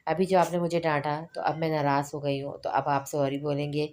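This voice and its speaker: A woman's voice: low-pitched, little pitch movement, brisk, a little mellow, lightly acted. Woman reading as a pouting young wife. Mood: sly.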